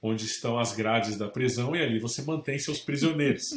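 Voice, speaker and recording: A Brazilian man, a real estate agent, telling lively stories in a casual interview and acting out the people in them. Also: mid-range voice, moderate pace, a little hiss or hum. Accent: Brazilian Portuguese. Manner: animated anecdotes, acts out quoted people. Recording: echoey room.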